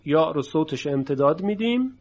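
A man with a somewhat high voice gives a tajwid lesson. He explains patiently and stretches out example words to show each sound clearly. The recording is dull and lo-fi. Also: lively intonation, darkish tone. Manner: explanatory, drawn-out demonstration of sounds. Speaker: Quran recitation teacher.

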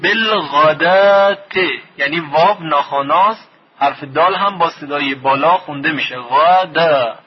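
A man teaching Quran reading in a radio lesson, stretching and repeating each example word slowly. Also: on the high side, breathy edge. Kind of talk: slow didactic lesson with drawn-out repeated words. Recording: dull lo-fi radio broadcast.

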